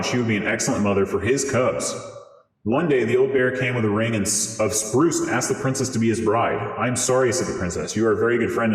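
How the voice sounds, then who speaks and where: Man's voice morphed by a voice changer. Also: on the low side. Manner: steady fairy-tale narration. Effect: voice changer morphing his voice. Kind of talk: reading a storybook aloud. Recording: roomy with long reverb.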